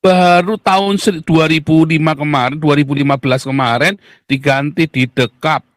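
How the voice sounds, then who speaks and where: A high-voiced male religious debater delivers a mocking, theatrical polemic to viewers, repeatedly calling them "saudara" and leaping into high shouted voices to mimic critics. His intonation is fairly even, his pace moderate, with no room sound.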